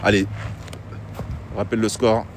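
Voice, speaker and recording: A man's voice: on the low side, little pitch movement, normal speed. Guy doing live boules commentary outside, chatty, faint traffic behind. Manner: chatty, addresses viewers directly. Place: outdoors at a pétanque ground. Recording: faint street noise outdoors.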